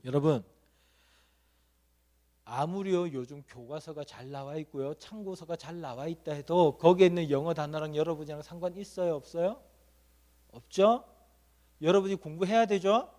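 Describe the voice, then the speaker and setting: A man with a fairly high voice preaching to middle schoolers at a church service. He asks the room question after question and answers them himself. Now and then he acts out an inner voice talking straight to the students. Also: moderate pace, pauses often, dark tone. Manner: acts out an inner voice speaking to the listener. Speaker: youth pastor.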